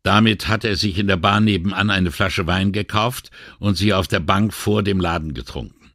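A man's voice: deep voice, normal speed, fairly bright tone, no room sound, studio quality. A man voicing a weary, indignant middle-aged male police inspector in an audiobook, sighing and exasperated. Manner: sighing, exasperated and morally upset. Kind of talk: audiobook character reading.

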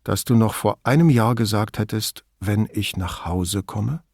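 A man reading an audiobook, voicing a calm, polite middle-aged male police commissioner in a measured way. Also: fairly low pitch, creaky, dry recording, clean studio sound. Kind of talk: audiobook dialogue.

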